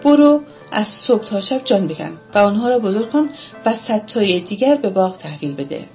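A woman's voice: medium pitch, sing-song, darkish tone, faint music behind. A woman voicing a small, outspoken female violet flower who mocks and lectures. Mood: mocking. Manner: mocking, outspoken.

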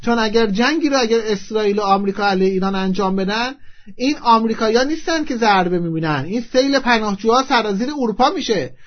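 A man's voice: high-pitched, lively intonation. A man who makes TV programs, giving an impassioned on-air speech full of rallying calls, played as a clip. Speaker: tv program maker. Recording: dull lo-fi clip.

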